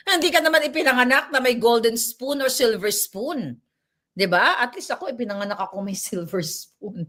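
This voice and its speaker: A woman doing a casual ranting commentary vlog. She is animated, keeps seeking agreement from her viewers and laughs between remarks. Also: on the high side, moderate pace. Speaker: commentary vlogger.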